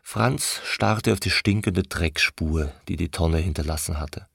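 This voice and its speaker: A man reading a novel aloud in calm, measured narration, close on a studio mic. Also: low-pitched, vocal fry, slightly rough, no room sound. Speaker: audiobook reader. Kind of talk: scripted narration.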